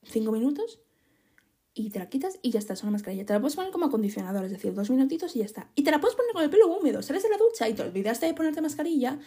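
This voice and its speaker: A young woman, chatting casually and giving listeners advice on her podcast, expressive and laughing often. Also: sits high, very fast, breathy edge. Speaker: podcast host answering listener questions.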